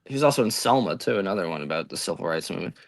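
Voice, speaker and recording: A man's voice: sits low, animated, rapid-fire, gravelly. A man co-hosting a TV recap podcast, recounting plot points in loose, casual talk with some swearing. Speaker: podcast co-host. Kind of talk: casual chat.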